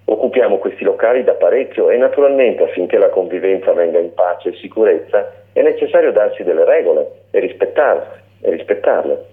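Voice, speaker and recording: A man's voice: low-pitched, expressive, brisk. A man voicing a fussy, pompous male cockroach who manages a building, speaking with strained patience over a narrow phone-like line.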